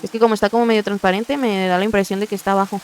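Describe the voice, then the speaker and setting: Girl chatting over her game, mid pitch, kinda mumbly, background noise. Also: steady tone, racing, a little mellow. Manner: chatty, often murmuring to herself. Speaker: gaming video creator. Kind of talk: casual gameplay commentary.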